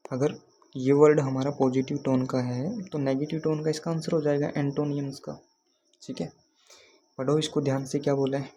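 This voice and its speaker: A man's voice: mid-range voice, mellow, slight background noise. A man from Haryana teaching an exam prep lesson, patiently repeating questions to his students. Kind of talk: explaining lesson.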